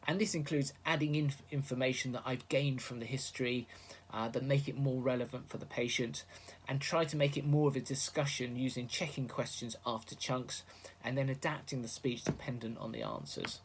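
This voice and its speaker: A man, speaking as a GP who explains a condition calmly to a patient, with frequent checking questions. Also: mid-range voice, a little fast, a little hiss or hum. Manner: calm, reassuring, checks understanding with questions. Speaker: GP teaching consultation skills. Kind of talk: demonstration doctor-patient explanation.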